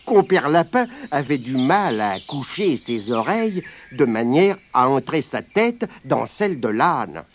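A man reading a children's storybook aloud in a high, very lively voice. He takes his time, slow and deliberate, and soft music plays underneath. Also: slight background noise. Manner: expressive, animated reading.

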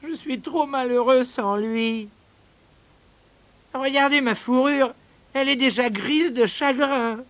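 A man's voice: very high-pitched, takes it slowly, pauses often, a bit bright, no room sound, voice pushed up, exaggerated voice. A man voicing a male reindeer in a storybook, plaintive and speaking with grandeur. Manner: plaintive, then lordly.

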